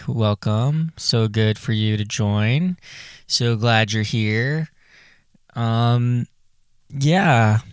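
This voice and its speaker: A man's voice: lowish voice, smooth, no echo, studio quality. A man hosting a solo podcast in a casual, candid, chatty way, recorded in a small closet full of clothes. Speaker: podcast host.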